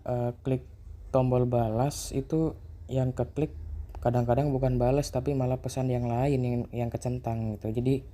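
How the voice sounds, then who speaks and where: Man, very dark tone, flat delivery, relaxed casual chat. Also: medium pitch, moderate pace. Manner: relaxed, conversational explaining. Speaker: vlogger sharing app experiences.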